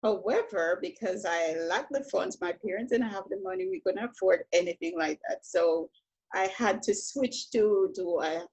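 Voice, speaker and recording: A woman from Jamaica, a painter telling her story in a relaxed, reflective conversation, often saying "you know". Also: medium pitch, normal speed, breathy edge, poor audio. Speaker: painter, interview guest.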